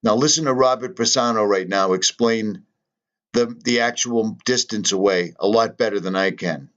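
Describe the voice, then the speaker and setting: A man's voice: lowish voice, normal speed, a bit bright, highs cut off. A man, talking casually in a vlog and pressing rhetorical questions. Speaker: channel host.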